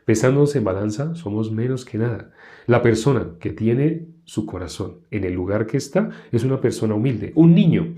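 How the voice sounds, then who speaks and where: A male preacher delivers a sermon in a dark, mellow voice. He leans on rhetorical questions to his listeners. He acts out the people he quotes with sudden leaps in pitch. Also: animated, normal speed.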